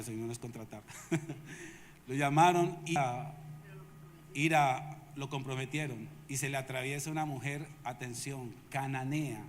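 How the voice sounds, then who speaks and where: A man preaching a sermon in a large convention hall, emphatic and questioning the congregation. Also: fairly high pitch. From Colombia. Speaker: pastor.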